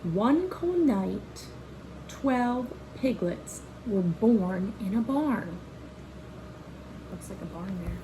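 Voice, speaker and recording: A woman reads a kids' picture book extremely slowly in a mid-range, expressive voice, acting as a teacher-storyteller who pauses for child-directed asides and questions. Background noise is audible.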